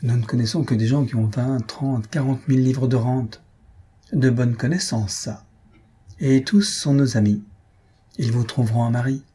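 A husky-voiced man reading aloud, voicing an eager, impulsive young woman in a storybook. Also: mid-range voice, normal speed, warm tone, natural voice. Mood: confiding.

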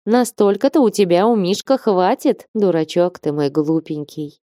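A woman reading an audiobook and voicing a lively, teasing young woman in love, who coaxes tenderly and can turn fierce. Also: fairly low pitch, normal speed, dry recording, clean studio sound, natural voice. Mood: coaxing. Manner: coaxing and affectionate, then fierce.

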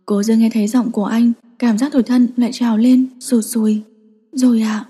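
Give me a woman reading a story aloud with a dark, husky tone. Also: on the high side, steady tone, brisk. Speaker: narrator. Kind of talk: audiobook narration. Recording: long reverberant echo.

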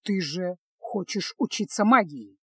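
A woman's voice: mid-range voice, lively intonation, moderate pace, husky, no room sound. Storybook mage, voiced by a woman, male, cold, grumbling, curt, dry close sound. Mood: irritated. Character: gruff sardonic male mage, young adult.

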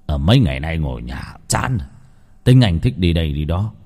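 A man voicing a grizzled old male exorcist who mutters in a low, unhurried way. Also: sing-song, darkish tone, breathy edge, heavily acted. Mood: gruff.

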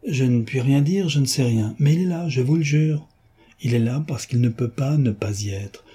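A man's voice: medium pitch, moderate pace, mellow, breathy edge, close to an everyday voice. A man voicing an eager young amateur detective, insistent and fervent, in a storybook reading.

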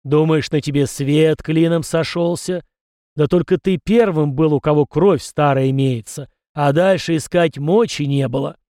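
A man voicing an ancient male ancestor spirit, a disembodied voice that speaks in slow, weighty pronouncements. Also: a little high, mellow, dry recording, studio quality, natural voice. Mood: solemn.

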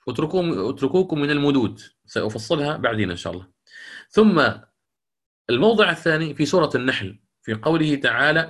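A man teaching a lecture on Quran recitation. He explains the rules, asks the class questions and answers them himself, and slowly chants verses as examples. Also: fairly high pitch, a bit bright.

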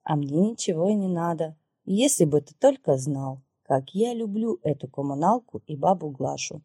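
A woman voicing a lively young woman in love, pleading and exclaiming in an audiobook. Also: medium pitch, a little slow, breathy edge, dry recording, clean studio sound, voice pushed up. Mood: tender.

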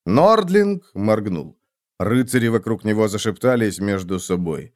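A man reading an audiobook in steady, scripted narration. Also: fairly low pitch, measured pace, no echo, studio quality.

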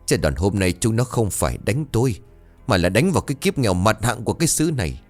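A man voicing a poor, enraged young peasant man in a ghost story, spitting out fast angry vows. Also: on the low side, big pitch swings, faint music behind. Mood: bitter.

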